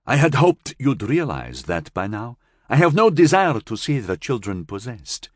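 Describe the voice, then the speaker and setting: A male narrator voicing a calm, formal and dryly ironic living starship. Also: medium pitch, normal speed, no echo, clean studio sound, voice pushed up. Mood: cool.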